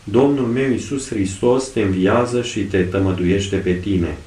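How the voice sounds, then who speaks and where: A man voicing an aged male apostle who prays in slow, devout intoning, recorded in an echoey room away from the mic. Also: lowish voice, mellow, recorded from a distance, lightly acted.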